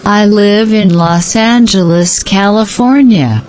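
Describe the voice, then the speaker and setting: A woman giving slow, scripted answers in a repeated language-practice dialogue. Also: mid-range voice, darkish tone, a little hiss or hum, rough recording.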